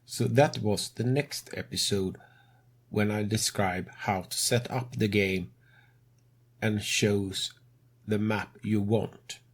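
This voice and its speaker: A fairly low-pitched man whose first language isn't English hosts a game tutorial in English. He narrates in a measured, fairly even tone, with non-native grammar.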